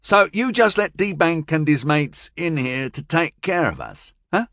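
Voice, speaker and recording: A woman's voice: low-pitched, big pitch swings, measured pace, a bit bright, no echo, studio quality, voice pushed up, exaggerated voice. A male narrator voicing a blunt, slangy young woman aboard a starship.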